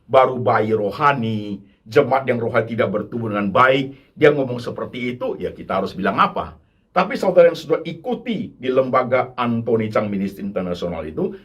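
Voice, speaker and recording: Man, pastor, sermon, animated rising and falling pitch. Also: breathy edge. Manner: preaching with dramatic swings in pitch, mixing in English words.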